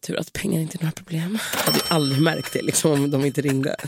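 A woman with a deep, dark voice telling an animated, profane story in casual chat and acting out the dialogue. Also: creaky, noisy background. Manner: animated, swearing, acts out dialogue.

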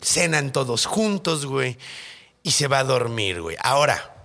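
A man with a Mexican accent, hosting a podcast and retelling a tale in animated, slang-heavy, swearing casual speech. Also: mid-range voice, moderate pace. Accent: Mexican Spanish. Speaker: podcast host. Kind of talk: casual storytelling.

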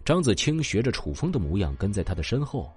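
A man narrating a web novel in an expressive storytelling manner. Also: lowish voice, fast talker. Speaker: audiobook narrator.

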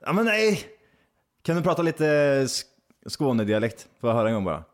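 A man's voice: medium pitch, sing-song. A young man from Värmland with a Värmland Swedish accent, co-hosting a casual comedy podcast and joking and swearing between laughs. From Värmland, Sweden. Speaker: podcast co-host.

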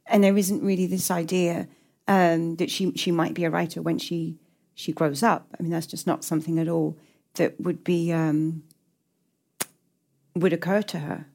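A middle-aged Englishwoman with an English accent answers interview questions reflectively as a writer, hesitating and often repeating or restarting her words. Her voice is lowish and creaky with a warm tone, little pitch movement and a moderate pace.

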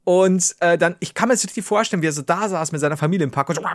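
A man hosting a casual podcast, telling an anecdote in an animated way and laughing often mid-story. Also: sits high, rapid-fire, no room sound, clean studio sound. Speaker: podcast host.

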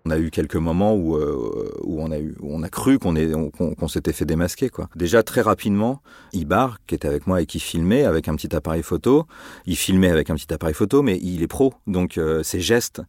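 A man with a very low, deep voice tells a personal anecdote. He speaks loosely and without hurry, in a conversational way. He sounds like a cook recounting his own trip. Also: animated, a little mellow, dry recording, studio quality. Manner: unhurried, loose, spoken anecdote. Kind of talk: personal storytelling.

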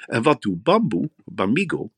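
A man co-hosting a podcast, riffing through a rambling, over-the-top comic ad read that swings into high, excited exclamations. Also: moderate pace, husky, no echo. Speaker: podcast co-host reading an ad.

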